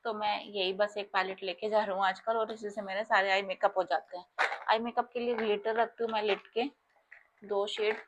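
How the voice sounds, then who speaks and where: A woman's voice: medium pitch, flat delivery, normal speed, dull audio, noisy background. Indian woman touring her makeup kit. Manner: explains step by step, addresses viewers directly. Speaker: makeup artist. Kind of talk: casual product walkthrough.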